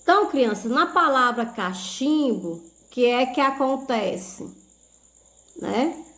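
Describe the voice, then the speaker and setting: Speaking slowly in a high, fairly bright voice with lively intonation, a Brazilian primary school teacher walks young pupils through a video lesson. She takes it one patient step at a time and pauses to confirm they understand.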